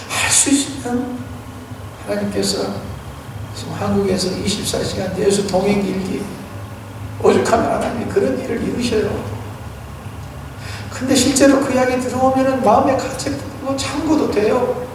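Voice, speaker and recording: A male pastor with a high-pitched voice gives a Sunday sermon in a church sanctuary, exhorting earnestly, telling stories, and asking rhetorical questions. A distant room mic captures him, leaving the sound very echoey with a long reverb tail and background noise.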